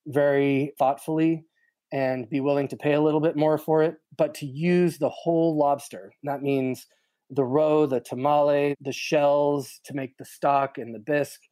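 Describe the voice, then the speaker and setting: A man, a chef, calmly talking someone through a recipe in a casual chat. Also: mid-range voice, no room sound. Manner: instructive, enthusiastic. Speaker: chef guest.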